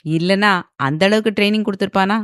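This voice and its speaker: A woman's voice: on the low side, normal speed, a bit bright, no echo, clean studio sound, lightly acted. Woman doing a cocky, taunting male film star. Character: arrogant male film star, mocking and forceful.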